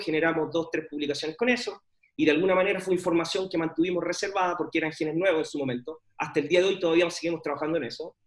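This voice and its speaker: A middle-aged man, giving an informal presentation of his research with many fillers and restarts. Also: on the high side. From Chile. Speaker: scientist presenting his work.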